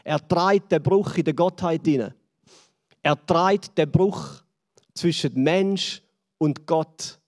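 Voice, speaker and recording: A man with a Swiss German accent preaching a sermon, building dramatically and then dropping to hushed lines. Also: slow pace, in a large hall. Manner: dramatic, swells and drops in pitch and volume. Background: band playing softly.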